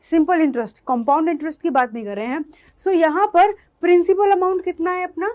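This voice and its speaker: High-pitched woman, patient maths tutor who keeps asking the class questions. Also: a little fast, a little mellow. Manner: explains step by step, asks the class questions. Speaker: maths teacher. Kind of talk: online maths lesson.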